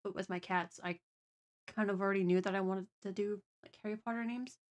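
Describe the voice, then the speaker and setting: A woman's voice: medium pitch, fairly even intonation, a little fast. A woman co-hosting a live stream, chatting casually and reading viewer messages aloud. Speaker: streamer co-host.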